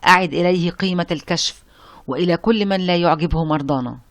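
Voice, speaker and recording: Brief: reader doing a cold, bitter male doctor for an audiobook novel, stern and cutting, middle pitch, dry close sound. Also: fast, no room sound, close to an everyday voice. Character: harsh bitter young male doctor, scornful of women.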